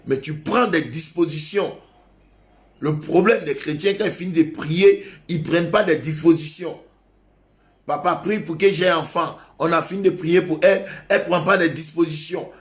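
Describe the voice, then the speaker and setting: Speaking at a moderate pace in a fairly high voice, a man delivers a sermon, hammering home his points with insistent, repeated exhortations. He carries the steady, earnest drive of a pastor addressing his congregation.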